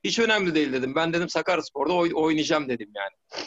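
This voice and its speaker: A man's voice: on the high side, expressive, racing, a bit bright, highs cut off. A middle-aged man, a former footballer, telling stories in a rambling way, with many restarts and "tamam mı?" checks. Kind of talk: casual storytelling interview.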